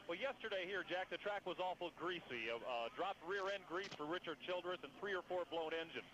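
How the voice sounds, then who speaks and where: A man's voice: sits high, fairly quick. An American man working as a motorsport commentator, reporting live from trackside for radio. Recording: dull, noisy radio feed.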